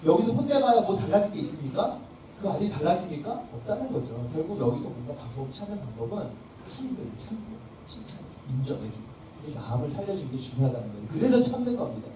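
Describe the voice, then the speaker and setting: A man's voice: on the high side, very animated, fast talker. Guy pastor running a parenting class, acts out mom and kid lines, really echoey hall, mic far off. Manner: quizzes the audience and acts out parent-child dialogues. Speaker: pastor teaching a parenting workshop. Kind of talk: church workshop lecture. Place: church welfare hall classroom. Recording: distant mic in a reverberant hall with faint noise.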